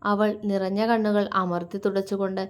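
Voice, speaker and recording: A woman narrates a romance story as a storyteller, with an emotive, measured reading. Her voice sits at an ordinary middle pitch for a woman. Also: little pitch movement.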